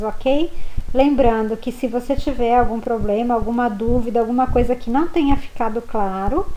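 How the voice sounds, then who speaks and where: Woman teacher, slow patient delivery, mellow voice, faint hiss behind. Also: fairly high pitch, poor audio. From Brazil. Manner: patient, spells letters and models words slowly. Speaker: language teacher. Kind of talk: slow spoken lesson.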